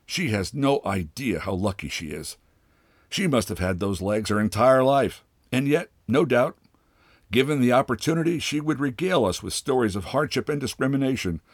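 A man voicing a bitter, pompous old father with a wooden leg, speaking with sardonic, drawn-out mockery in a storybook reading. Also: medium pitch, animated, no room sound, studio quality, pitched above the performer's own voice, lightly acted. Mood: scornful.

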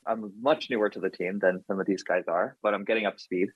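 A man's voice: fairly low pitch, fairly even intonation, fast, slightly rough, no echo, highs cut off. A man guesting on a podcast as a front-end engineer, chatting casually and poking fun at himself with lots of "like". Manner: chatty, self-deprecating, lots of "like".

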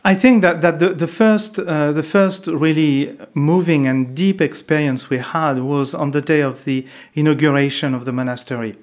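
This man's voice sits a little high and moves at a normal pace with few pauses. He's a French monk with a French accent, telling stories in a reflective interview, hesitant and full of fillers and restarts.

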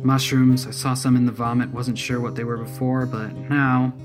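A man's voice: mid-range voice, little pitch movement, normal speed, over music, close to an everyday voice. A man voicing a tough, swearing woman sheriff who covers her fear with brash bravado. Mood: terse. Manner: brash, profane bravado over nerves.

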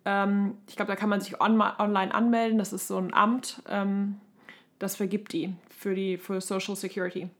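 Anecdotes and borrowed English terms fill the relaxed podcast chat of this thirtysomething German co-host. She talks at a normal speed in a medium-pitched voice with little pitch movement.

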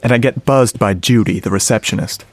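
A man with a lowish, everyday-sounding voice talks a little fast while playing an enthusiastic sound-effects guy in a radio drama. Casual and eager, he explains things conversationally and asks the listener questions.

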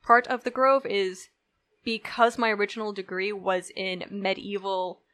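A woman talking casually as a podcast guest, animated, with frequent laughs and quick asides. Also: mid-range voice, no echo.

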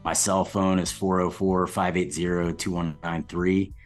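Male interviewee, low voice, easygoing conversational delivery with self-deprecating touch. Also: level tone, unhurried, soft background music. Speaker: podcast guest. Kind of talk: casual interview chat.

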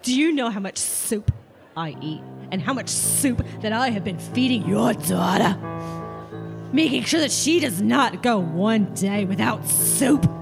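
A woman's voice: fairly high pitch, expressive, a little slow, gravelly, over music. A woman performing a melodramatic improv comedy scene, mock outraged and theatrical.

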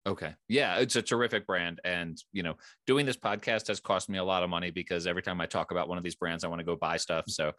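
A man's voice: low-pitched, steady tone, fast, hardly any pauses, pushed and bright, no echo, studio quality. A man from Philadelphia with an American accent, hosting a conversational podcast interview and saying any Spanish names with American pronunciation. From Philadelphia, United States. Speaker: podcast host.

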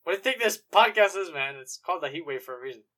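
A man's voice: a little high, expressive, quick pace, pushed and bright. A young man co-hosting a casual podcast chat, playful, with exaggerated outbursts. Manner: playful, exaggerated outbursts, calls friend bro. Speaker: podcast co-host.

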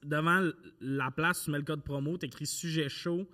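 A man hosts a casual podcast in Québécois French. His voice sits a little high and rings bright. He jokes at his own expense as he chats. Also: fairly even intonation, moderate pace. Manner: joking, self-mocking banter. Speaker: podcast host.

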